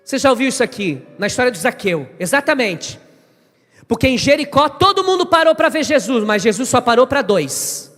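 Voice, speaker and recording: A male pastor preaching a lively sermon, acting out scenes and voices and rising to shouts at the peaks. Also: very high-pitched, brisk, in a large hall, soft background music. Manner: fervent, acts out biblical dialogue, shouts climaxes. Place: church service.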